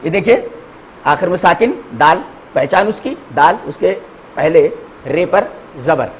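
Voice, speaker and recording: A man teaching a grammar class, repeating each word slowly and spelling out letters and vowel marks for his students. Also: a little high, animated, slight background noise, low-quality recording.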